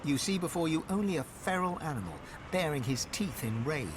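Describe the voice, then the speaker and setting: An actor playing a solemn, dramatic storyteller narrating a video game. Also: male voice, a little high, lively intonation, brisk, slight background noise, natural voice.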